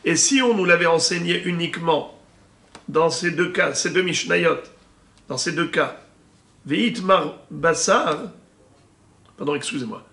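A man, a rabbi, teaching a Talmud lesson, slowly reading out Hebrew and Aramaic terms and explaining each one. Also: fairly high pitch, creaky, sharp tone. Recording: echoey room with faint ambient noise.

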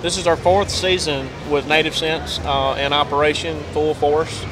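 A man's voice: on the high side, steady tone, normal speed, over music. A young man who runs a scent company, talking up his products in a casual interview with lots of fillers. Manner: enthusiastic, salesman-like, lots of fillers. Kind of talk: casual interview at a trade show booth. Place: busy trade show hall, indoors. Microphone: handheld mic. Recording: noisy crowded trade show hall. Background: crowd chatter.

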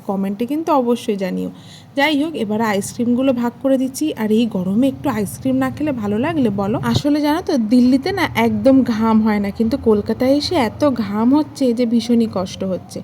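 A woman's voice: on the high side, expressive, quick pace, warm tone, slight background noise. A young woman from Kolkata, chatting directly to her viewers as she narrates her family vlog. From Kolkata, India. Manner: homely, conversational storytelling. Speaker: family vlogger. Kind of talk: casual vlog voice-over.

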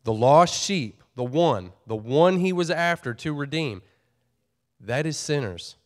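A man's voice: on the high side, expressive, a little slow. A pastor preaching a sermon to his church, earnest and folksy, often repeating and restarting his phrases.

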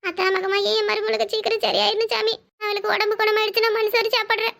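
A woman voicing a fussing, caring older village mother-in-law in a cartoon, speaking with a southern Tamil Nadu accent and giving orders fast. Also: very high-pitched, level tone, gravelly, sharp tone, heavily acted. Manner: bossy, fast, scolding yet tender. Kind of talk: cartoon voice acting.

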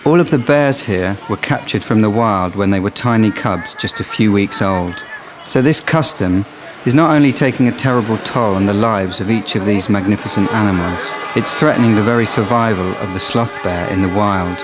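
A man's voice: on the low side, moderate pace, few pauses. A man presenting and narrating a nature documentary in a scripted reporting style. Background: music under the narration.

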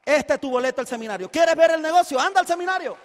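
Man, very high voice, lively motivational speaker acting out stories; reverberant hall. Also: fast. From Costa Rica. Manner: animated, acts out dialogue, often shouts. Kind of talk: energetic stage storytelling. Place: large hall before a live audience. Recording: echoey hall with long reverb.

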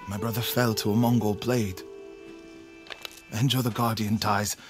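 A man's voice: lowish voice, flat delivery, measured pace, natural voice. An actor playing a grieving warrior monk in a video game, solemn and earnest, bitter about his brother. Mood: bitter, proud. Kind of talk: video game character dialogue. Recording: game music behind the voice.

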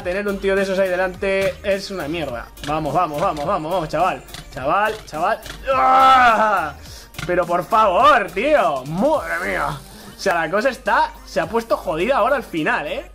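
A young man with a Spain Spanish accent giving excitable, chatty live commentary on a Minecraft PvP match and taunting opponents. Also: high voice. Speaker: gaming YouTuber.

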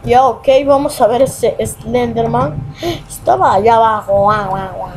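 A young man with a Peruvian accent giving excitable gameplay commentary, muttering repeated words and swearing as he plays. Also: very high-pitched, unhurried, slight background noise, low-quality recording. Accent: Peruvian Spanish. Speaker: gamer.

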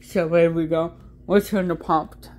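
A woman vlogging casually from her phone, exclaiming often in excitement. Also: on the low side, unhurried. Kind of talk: casual vlog talk.

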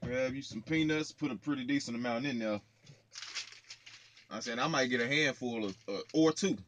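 The audio is dull with slight background noise as a young trucker in his twenties speaks to viewers from his parked truck's small cab into a close phone camera. His voice is medium-pitched and fairly bright at a moderate pace, his chat slangy, playful and casual.

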